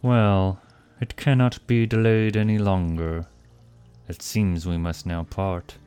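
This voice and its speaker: A man voicing a great, sly tomcat in an audiobook, speaking slowly and smoothly with a deep voice. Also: steady tone, mellow. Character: sly scheming talking tomcat, male, great size. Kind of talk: storybook character voice. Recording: faint music behind the voice.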